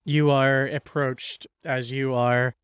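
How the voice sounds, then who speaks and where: A man's voice: medium pitch, level tone, slow pace, clean tone, dry recording, studio quality. A man narrating as game master of a tabletop role-play, joking and loose, often restarting phrases.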